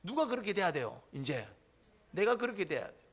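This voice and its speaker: A man preaching a sermon, putting questions to the congregation and answering them himself, swinging between loud and soft. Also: sits high, very animated, fairly quick, slightly rough. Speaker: pastor.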